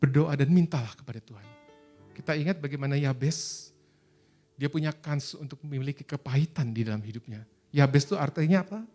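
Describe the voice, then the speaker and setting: A man's voice: fairly high pitch, fairly quick, dark tone, soft background music. A man with an Indonesian accent preaching a sermon as pastor, earnest and exhorting, telling stories.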